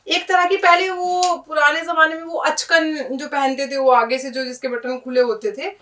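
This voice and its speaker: Female Urdu teacher, high voice, patient and explanatory, recorded a little away from the mic. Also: flat delivery, pushed and bright, distant mic, a little hiss or hum, poor audio. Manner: patient, explains each word and often asks "isn't it?". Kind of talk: teaching Urdu pronunciation on a board.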